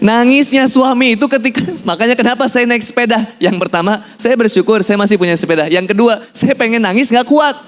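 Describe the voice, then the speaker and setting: Animated high-voiced preacher. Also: male voice, a little fast, hardly any pauses. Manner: animated, acts out quoted voices. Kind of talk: storytelling sermon.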